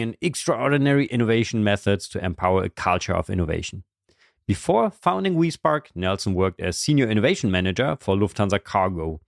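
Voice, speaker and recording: A man's voice: on the low side, dry recording, studio quality. A man hosting a podcast, reading a guest introduction and then chatting upbeat with his guest. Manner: upbeat, with airline travel framing. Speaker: podcast host. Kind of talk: podcast interview, read intro then casual chat.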